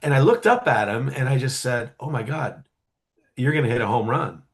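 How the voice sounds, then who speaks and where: A man's voice: mid-range voice, moderate pace. Chatty man telling a childhood story. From California, USA. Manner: animated, acts out quoted voices, frequent fillers. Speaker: guest storyteller. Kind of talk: casual storytelling interview.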